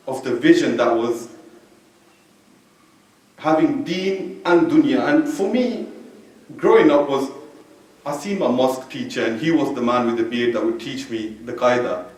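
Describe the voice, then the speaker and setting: A man from Belgium gives a conversational sermon in a mosque hall, padding his talk with "you know" as he goes. His voice sits on the high side. He stands back from a stand mic, so the sound is distant and swims in heavy room echo. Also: a little mellow. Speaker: religious speaker. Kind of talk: informal sermon.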